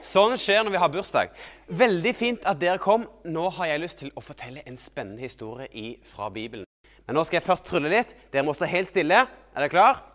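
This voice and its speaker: A man hosting a children's program tells the kids a Bible story in a playful, animated way. His voice sits fairly high and swoops up and down with a lot of expression. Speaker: children's TV host.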